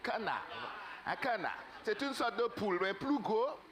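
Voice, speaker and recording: A man preaching in a church, telling a fable to the congregation in an animated, halting way and quizzing them. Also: high voice. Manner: animated, asks the congregation questions; halting, many fillers. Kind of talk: sermon storytelling.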